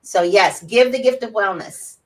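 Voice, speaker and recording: A woman in her sixties, outspoken and animated, chatting as an interview guest. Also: mid-range voice, moderate pace, far from the mic, poor audio. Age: 60s. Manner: animated, outspoken, laughs often. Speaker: guest, wellness summit organizer. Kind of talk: casual interview chat.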